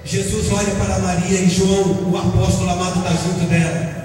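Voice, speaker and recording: A man preaching a Pentecostal sermon, shouting and chanting his exhortations. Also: high-pitched, level tone, a little fast. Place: church. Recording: echoey church hall from far off, music and crowd.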